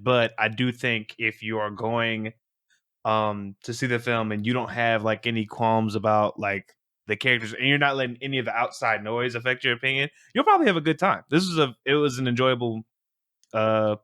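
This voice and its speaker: A man's voice: medium pitch, a little fast, bright, forceful tone, smooth, dry recording, clean studio sound. A man giving his opinions as a guest reviewer in casual, informal podcast conversation. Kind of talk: casual movie review chat.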